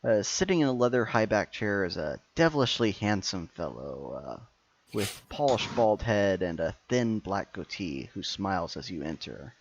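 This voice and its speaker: A male game master describes scenes and chats casually with players in a tabletop game. His voice is fairly low. The recording sounds a little dull and lo-fi. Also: lively intonation, moderate pace. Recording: muffled, lo-fi mic.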